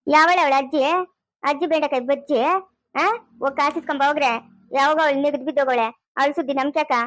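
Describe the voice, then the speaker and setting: A woman in an amateur village family drama, scolding and quarrelling loudly and fast. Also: high-pitched, steady tone, no room sound. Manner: shouting, scolding, rapid quarrelling.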